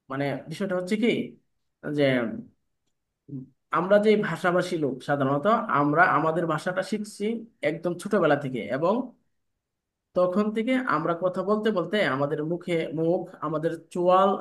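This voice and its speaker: Man, English tutor, lecturing step by step, slightly high voice. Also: normal speed, a bit bright. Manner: explains step by step, asks "ঠিক আছে?" often. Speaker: spoken English teacher. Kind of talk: online class lecture.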